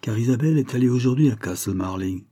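A man reading aloud, voicing a troubled older earl speaking with measured regret in a storybook. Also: mid-range voice, expressive, mellow, no echo, clean studio sound, voice pushed up, natural voice. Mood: regretful.

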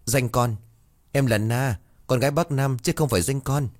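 A man's voice: mid-range voice, moderate pace, darkish tone, pitched above the performer's own voice, lightly acted. A man voicing a small young girl, frightened yet spirited, in a storybook reading. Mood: indignant.

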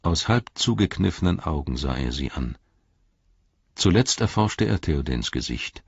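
A man reading an audiobook as narrator, calm and even. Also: a bass voice, measured pace, creaky, breathy edge, dry recording, muffled recording. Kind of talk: scripted narration.

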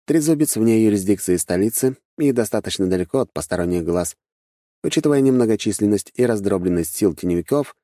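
A dutiful male servant reporting to his master, respectful and businesslike, as a male audiobook narrator voices him. The tone stays low and dark, recorded close and dry. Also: expressive, brisk, dry recording, natural voice. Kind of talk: audiobook character voice.

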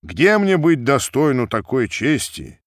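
A man's voice: mid-range voice, sing-song, unhurried, no room sound, clean studio sound. A man voicing a humble, shrewd aged male Cossack in an audiobook reading. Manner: modest, self-deprecating.

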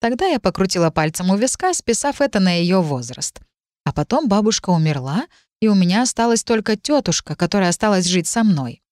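A woman reading a first-person story aloud as audiobook narrator, even and measured. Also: mid-range voice, dry recording, clean studio sound.

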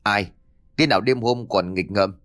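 Guy playing cranky old ghost hunter, low gruff snappy voice. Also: moderate pace, a bit bright, natural voice. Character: gruff old male exorcist teacher.

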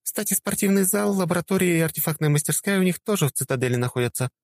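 A cheerful young woman full of teasing energy, put on by a male narrator. The voice sits high and bounces around with lively pitch. It is recorded close and dry, like a storybook reading. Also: fast, no echo.

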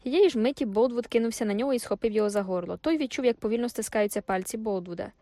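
A woman narrating a classic novel as an audiobook in a measured storytelling manner. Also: a little high, warm tone, dry recording. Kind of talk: scripted narration.

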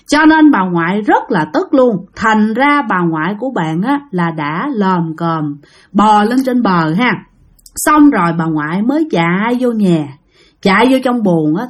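Chatty woman storyteller. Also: medium pitch. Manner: chatty, addresses listeners directly. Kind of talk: spoken ghost-story narration.

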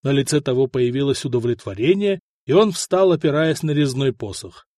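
A man narrating an audiobook in an expressive storytelling manner. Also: medium pitch, normal speed, no echo, clean studio sound. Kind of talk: scripted narration.

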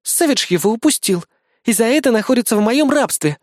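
A man voicing a bossy, self-assured young woman who lays loud claims in an audiobook. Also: a little high, animated, fairly quick, no echo, studio quality, pitched above the performer's own voice. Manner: domineering, claims loudly.

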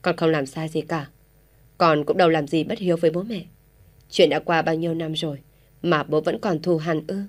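A woman's voice: low-pitched, steady tone, moderate pace. A woman voicing a stubborn defiant young man. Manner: firm, defiant replies. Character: stubborn young man defying his father.

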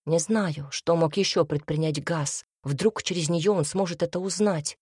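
A woman's voice: fairly low pitch, normal speed, a little mellow, slightly rough, dry recording, clean studio sound. A woman voicing an irritated young man who is urgently plotting an escape, in an audiobook reading. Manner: curt, urgent, conspiratorial.

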